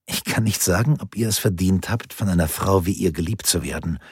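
A man's voice: sits low, brisk, breathy edge, dry recording, studio quality. A man voicing a persuasive Renaissance ruler urging a friend, in a pleading, earnest way. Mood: urgent.

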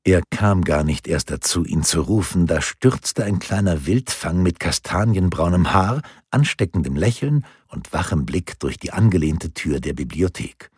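A man narrating an audiobook with expressive storytelling, recorded on a close studio mic. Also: low voice, normal speed, hardly any pauses, breathy edge, no echo. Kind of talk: scripted narration.

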